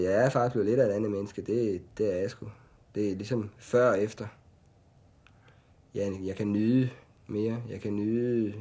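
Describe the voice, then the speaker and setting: Gruff low-voiced man telling a rough story. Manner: loose, colloquial, keeps adding "ikke?" and "mand"; drops to a quiet, low voice when recalling pain. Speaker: interviewee. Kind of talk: candid personal storytelling.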